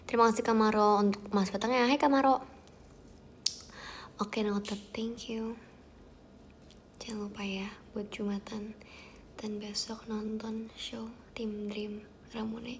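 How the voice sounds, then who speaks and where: A young woman hosting a casual livestream from home, chatting with viewers, thanking them and often dropping into soft whispers. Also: on the high side, flat delivery, unhurried, pauses often, a little hiss or hum. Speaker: idol livestream host. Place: at home, outside her bedroom.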